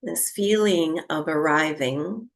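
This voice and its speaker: In a deep voice, a female breathwork instructor offers calm, slow-paced guided relaxation, letting long silences fall between her phrases.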